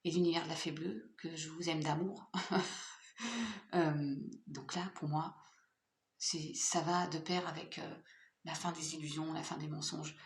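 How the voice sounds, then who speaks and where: A woman's voice: sits low, echoey room. A woman doing a casual, playful card reading for her viewers, chatty with many fillers. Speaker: tarot card reader.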